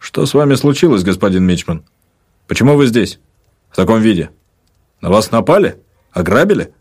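Man playing a polite military officer, formal courteous questions, a bit raised, husky, audiobook. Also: on the low side, very animated, normal speed, darkish tone. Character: courteous male army officer, polite but probing.

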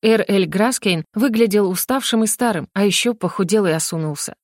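A woman narrating a first-person fantasy audiobook in an even, expressive reading. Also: medium pitch, fairly quick, no room sound, studio quality.

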